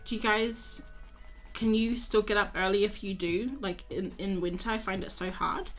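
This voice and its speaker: Painting on a live stream, a weary young artist whose voice is giving out keeps up a casual, self-deprecating conversation with viewers as she draws. Her mid-range voice is fairly bright, moving at a normal speed over faint background music.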